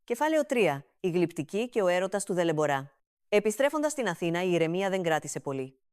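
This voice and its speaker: Smooth-voiced woman narrating a comic story. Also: on the low side, sing-song, a little mellow, dry recording, clean studio sound.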